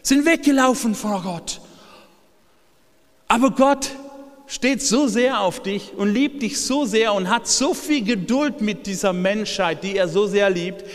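High-voiced man preaching in a hall. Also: unhurried. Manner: lively preaching, swings from soft to shouted. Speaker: pastor. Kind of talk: sermon.

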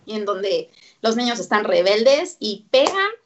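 A woman's voice: mid-range voice, sing-song, slow pace, highs cut off, noisy background. A woman, a therapist guest on a parenting radio interview, talking animatedly and acting out parents and children.

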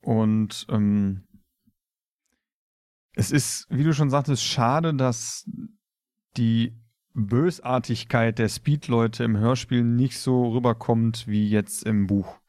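A man's voice: mid-range voice, slow pace, darkish tone, no room sound, studio quality. A man on a podcast talking casually and hesitantly, with many fillers. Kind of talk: casual chat.

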